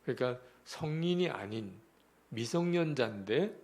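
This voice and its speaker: A man preaching a revival sermon in a church, telling a story and moving between hushed whispers and emphatic pleas. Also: medium pitch, animated, measured pace. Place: church sanctuary.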